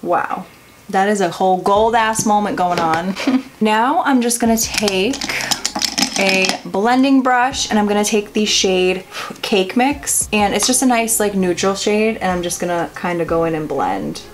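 Background music plays as a twenty-something woman does a makeup tutorial indoors in her bedroom. She speaks at a medium pitch and measured pace, yet comes across tipsy and giggly, rambling with profanity and self-deprecating jokes.

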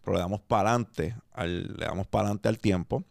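A man's voice: on the low side, normal speed, gravelly, dry recording, clean studio sound. A man with a Puerto Rican accent hosting a podcast, laid-back and slangy, slipping English words into his Spanish. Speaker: podcast host. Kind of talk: casual interview. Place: podcast studio.

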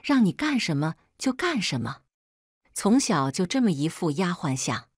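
Woman narrator doing a sneering rich matriarch, lower voice, lively pitch, storybook. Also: moderate pace, husky, dry recording, clean studio sound. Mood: scolding. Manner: sharp, mocking scolding. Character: scornful proud wealthy middle-aged mother.

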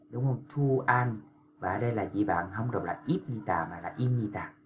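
Low-voiced male teacher. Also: a little hiss or hum. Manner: patient, repetitive, drawn-out demonstrations of pronunciation. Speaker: Korean language teacher. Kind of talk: explanatory lesson for language learners.

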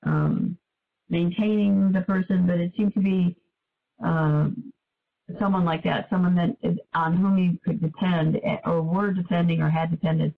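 A woman hosting for a foundation, chatting casually in a webinar, speaking haltingly and repeating words as she searches for them. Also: lowish voice, lively intonation, vocal fry. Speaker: host for a foundation. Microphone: video call. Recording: tinny phone-like call audio.

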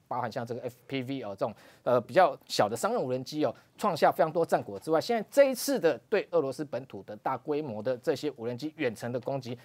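A man speaks in a Taiwanese Mandarin accent as a studio commentator, laying out his analysis at a brisk, rapid clip. He ends phrases with drawn-out "哦" particles, and his voice sits in a middle pitch that leaps up for emphasis. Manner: frequent "哦" particles, emphatic rises. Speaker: political commentator. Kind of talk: TV talk show analysis.

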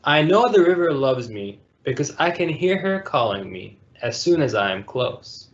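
A man leads storytime over video call, reading a children's picture book in a sing-song, mid-range voice at normal speed. The recording has the dull, lo-fi quality of call audio.

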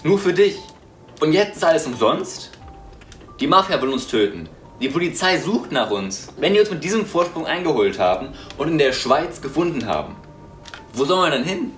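Guy doing a hotheaded young ex-mobster, lively up and down, echoey room with a bit of music. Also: fairly high pitch, moderate pace. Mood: heated. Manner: heated, animated delivery. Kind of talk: amateur audio drama acting.

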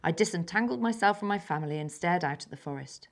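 A schoolgirl of about ten from England, reading aloud her own story with careful, even delivery and soft, breathy moments. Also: on the low side, fast talker. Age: child, about 10. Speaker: young story author.

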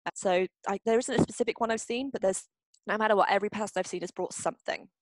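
A woman's voice: medium pitch, steady tone, fast, no room sound, poor audio. A young woman hosting a publishing workshop, reading out questions and answering them in a chatty way, with frequent ums and restarts. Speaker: publishing marketing workshop host.

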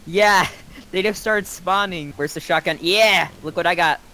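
A young man with a somewhat high voice talks casually with fellow players. It is loose, informal gaming chatter, with clear game noise behind him. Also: unhurried, bright, forceful tone. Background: video game ambience.

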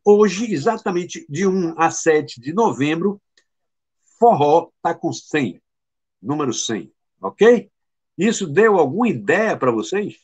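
A man's voice: high-pitched, slightly rough. A man hosting a casual live stream, chatting with viewers, greeting them by name and reading their comments in a teasing, playful way. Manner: teasing and playful, quick to laugh.

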